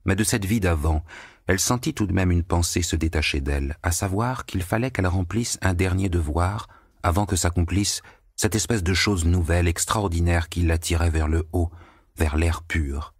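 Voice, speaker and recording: A man narrating a novel as an audiobook, reading in measured, even phrases. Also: deep voice, slightly rough, dry recording, studio quality.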